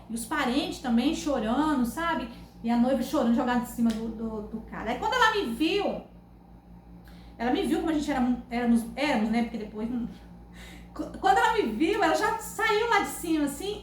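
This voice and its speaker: A woman with a Brazilian Portuguese accent, telling funny stories to her camera in a loud, animated, laughing way. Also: high-pitched. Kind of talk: casual storytelling to camera. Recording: echoey room, faint background noise.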